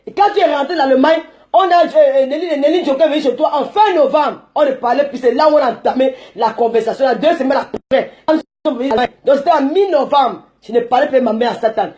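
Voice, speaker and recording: High-voiced combative Cameroonian woman. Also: fast talker, few pauses. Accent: Cameroonian French. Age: middle-aged. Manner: combative and mocking, bursts into shouting; chatty, rambling. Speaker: vlogger. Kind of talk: ranting vlog monologue.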